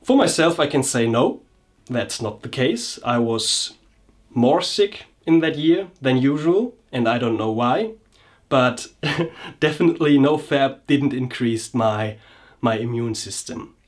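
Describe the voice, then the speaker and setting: Unhurried yet animated, this man's mid-range voice carries a reflective vlog about his own experience as a vlogger and coach. He often falters, hunting for the right words and starting his sentences over.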